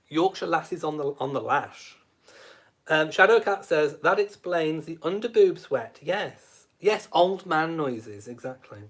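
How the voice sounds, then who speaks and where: A late-30s man with a slightly high, somewhat bright voice hosts a casual live stream and reads viewer comments. His intonation is lively but his pace measured, and his cheeky, camp, self-mocking humour comes with plenty of laughs.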